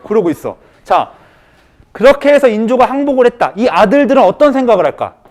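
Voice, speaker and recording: A male high school history teacher giving a casual storytelling lecture, acting out characters in quick asides. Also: sing-song, a little mellow.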